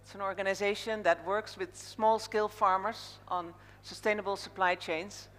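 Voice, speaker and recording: On stage in a large indoor conference hall, a Dutch woman from the Netherlands acts as master of ceremonies, opening the live conference informally in a Dutch accent. Her medium-pitched voice is steady at a moderate pace, heard through a PA with large-hall echo.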